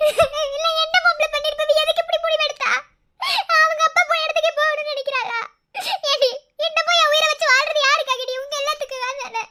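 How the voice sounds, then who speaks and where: A woman's voice: very high voice, steady tone, a little fast, bright, forceful tone. A woman voicing a distraught middle-aged village mother in a cartoon, who laments and scolds through tears. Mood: wailing scolding. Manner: lamenting scolding, crying while talking.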